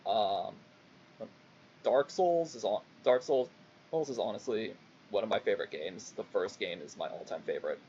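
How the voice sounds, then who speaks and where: A man's voice: on the low side, animated, dark tone. A young adult man giving a casual, rambling livestream monologue, stopping and restarting often and swearing freely. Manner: halting, rambling, frequent swearing. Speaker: VTuber streamer. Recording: dull lo-fi mic, faint background noise.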